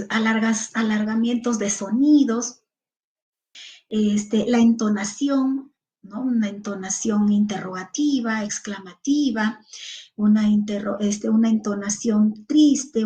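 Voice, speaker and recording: A woman with a Peruvian Spanish accent lectures teachers, explaining step by step and rattling off examples one after another with fillers in between. Her voice is medium-pitched with a dark tone, and the recording is rough.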